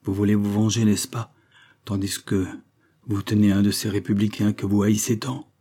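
A man's voice: fairly low pitch, flat delivery, normal speed, warm tone, husky. A man reading the part of a frightened, wounded republican stranger who speaks in a theatrical, effusive way. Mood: anxious.

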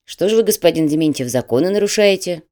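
A woman voicing a stern middle-aged male admissions manager who talks in a brisk, official and mocking way. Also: lowish voice, expressive, dark tone, natural voice.

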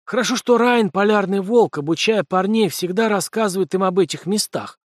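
An easygoing Norse jarl, as a male narrator puts him on, friendly and conciliatory, pitched somewhat high. Dry, close sound. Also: normal speed, no room sound.

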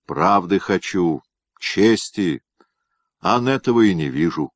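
A man performs a suspicious nobleman husband with a deep, heavy voice, preaching and scolding in a pompous tone. The reading is close and dry, with sudden barked shouts of temper. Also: animated, unhurried, dry recording.

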